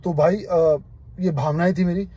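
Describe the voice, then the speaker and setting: A man's voice: on the high side, steady tone, normal speed, dark tone, a little hiss or hum. A young man from India, a football fan channel host, giving his opinions in an emphatic, passionate casual vlog. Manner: passionate, emphatic, keeps saying "brother".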